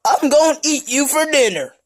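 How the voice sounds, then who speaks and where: A woman voicing a hot-tempered, bossy character who taunts and shouts, in a homemade toy play. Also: sits high, expressive, moderate pace, voice pushed up. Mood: threatening.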